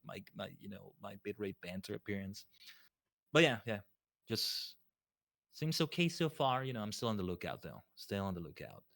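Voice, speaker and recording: A man with a somewhat low voice talks casually on a livestream. He rambles along as a guest, often doubling back to repeat a phrase. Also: very animated, normal speed, creaky, a bit bright. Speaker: guest streamer.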